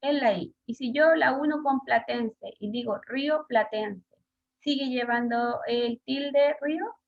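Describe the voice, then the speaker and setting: A woman's voice: high voice, a little slow, vocal fry. A woman with a Chilean Spanish accent teaching an online class, hesitant with many fillers and questions to pupils. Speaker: schoolteacher. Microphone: video call. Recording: dull lo-fi video call audio.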